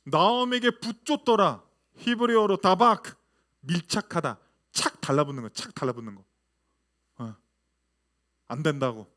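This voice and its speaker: A man in his thirties, a pastor, preaching a lively sermon full of rhetorical questions to his congregation. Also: high-pitched, normal speed.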